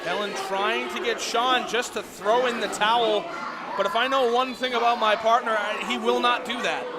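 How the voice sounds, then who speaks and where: A man working as a wrestling commentator, giving excited live play-by-play with exclaimed calls. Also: very high-pitched, moderate pace. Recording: loud venue crowd behind. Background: live crowd.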